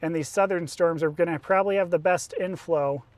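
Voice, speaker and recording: A man's voice: fairly high pitch, fairly quick. An American man giving casual live commentary as a storm chaser, thinking aloud while driving. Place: inside a moving car.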